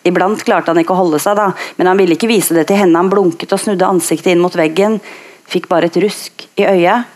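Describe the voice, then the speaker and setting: Woman giving a slow literary reading. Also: on the low side, fairly even intonation, a little mellow. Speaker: author reading aloud.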